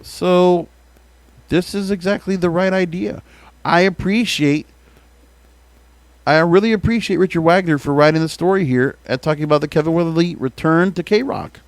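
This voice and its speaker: His voice runs on the high side at a moderate pace, and no room sound is audible. He's an American man hosting a podcast of opinionated music radio commentary, emphatic in tone and fond of rhetorical questions aimed at listeners.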